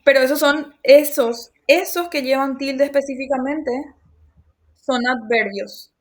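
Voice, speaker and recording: A woman's voice: high-pitched, a little slow. A woman teacher giving a class lecture, explaining patiently, often checking in with her students and reassuring them with a laugh. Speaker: language teacher.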